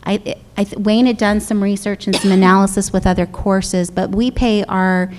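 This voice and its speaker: A woman's voice: mid-range voice, steady tone, moderate pace, darkish tone. A middle-aged woman, a controller, giving a businesslike budget presentation and taking audience questions, with frequent fillers and restarts.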